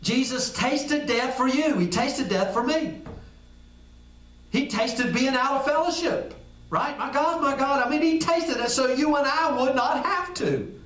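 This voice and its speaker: A man preaches in a folksy, conversational way, his voice sitting high for a man. He sounds echoey and a little distant from the mic, as if recorded in a big room. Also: unhurried, fairly bright tone. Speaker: pastor. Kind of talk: sermon.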